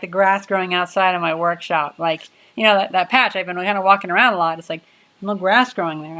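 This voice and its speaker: The mid-range, slightly bright voice belongs to a woman in her twenties livestreaming from her home workshop. As host she rambles chattily through casual conversation, using plenty of fillers.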